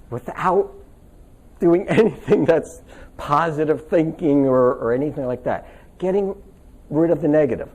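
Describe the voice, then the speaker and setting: A lively man with a voice on the high side leads a stress workshop before a live audience in a seminar room. His casual seminar talk is chatty and full of anecdotes, and he asks listeners to agree with him.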